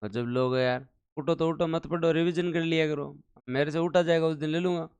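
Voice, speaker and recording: A man teaches a live online exam-prep class in a clear, resonant voice pitched a little high. He keeps firing questions at his viewers and repeats them. He chants figures over and over so they stick. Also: steady tone, brisk, darkish tone. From India.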